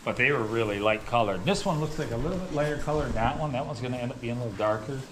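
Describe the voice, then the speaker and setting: A middle-aged dairy farmer tells a casual story on his farm near the calves, talking very fast at an ordinary pitch. He rambles, hedges and keeps circling back to restart his sentences as he thinks aloud, with a faint hum running underneath.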